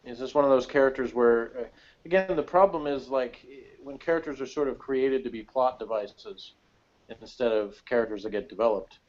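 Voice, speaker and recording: Speaking at a normal pace in a medium-pitched, slightly mellow voice, a co-host wanders through a casual, opinionated conversation full of "like." The voice recording is lo-fi and a little dull.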